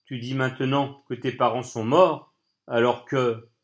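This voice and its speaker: A man reading an audiobook, voicing a wise old man over 60 who speaks in a calm, grave, measured way. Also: medium pitch, natural voice.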